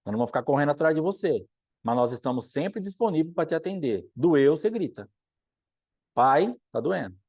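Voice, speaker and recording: A man's voice: fairly high pitch, animated, fast talker, mellow, no echo, studio quality. A middle-aged male pastor teaching in a sermon, earnest and repetitive, sometimes voicing imagined people. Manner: earnest preaching with repeated phrases and voiced quotes.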